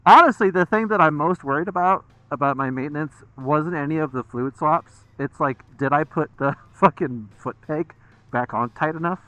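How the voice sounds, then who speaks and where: A man's voice: a little high, normal speed, sharp tone, no echo, poor audio. An American man from the Midwest chats casually while riding a motorcycle, rambling along and swearing freely as a vlogger.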